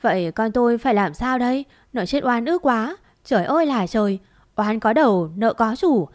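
A woman voicing an older mother who is grieving and vengeful, with a shrill, accusing, wailing delivery. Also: lively intonation, normal speed, a little mellow, no echo, studio quality, lightly acted.

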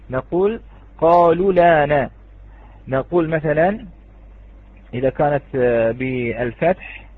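A man teaching Quran recitation rules in an online lesson, patiently repeating words slowly as he explains. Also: on the high side, slightly rough, no echo. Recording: phone-like online audio.

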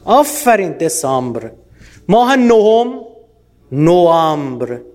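A man from Iran giving a lively public lecture, often quizzing his audience with rhetorical questions. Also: a little high.

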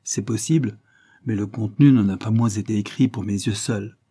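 A man reading aloud, voicing a calm, self-possessed young male lawyer who speaks firmly but with good humour, in a storybook reading. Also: on the low side, normal speed, breathy edge. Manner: firm, evasive, good-humoured.

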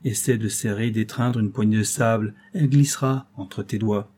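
A wealthy old father from a storybook, grave and earnest, lecturing his daughter with protective worry, read by a man in his own voice. The voice is mellow and slightly husky. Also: lowish voice, steady tone, moderate pace. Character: anxious older wealthy banker, protective father.

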